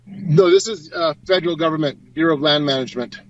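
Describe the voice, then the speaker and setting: A man giving an informal live field report as an on-site correspondent, explaining things with hesitant pauses over a remote call. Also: fairly high pitch, huge pitch swings, slight background noise. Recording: dull, lo-fi remote call audio.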